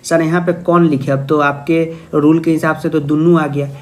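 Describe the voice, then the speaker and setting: A young man with a high-pitched voice teaches an exam-prep class. He talks in a chatty, teasing way, often asking a question and answering it himself as a student would. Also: level tone, moderate pace. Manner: jokey, chatty, teasing asides.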